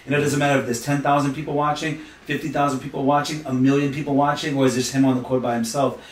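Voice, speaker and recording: Male podcast guest, mid pitch, quick and preachy, roomy off-mic sound. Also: level tone, distant mic, a little hiss or hum. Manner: preachy, emphatic, uses sayings and analogies. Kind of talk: motivational talk.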